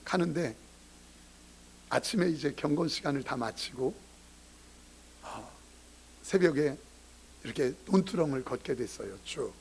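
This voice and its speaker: A middle-aged male pastor preaching a sermon and telling a story, swinging dramatically between hushed and loud. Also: on the high side, animated, measured pace, gravelly, pauses often, slight background noise.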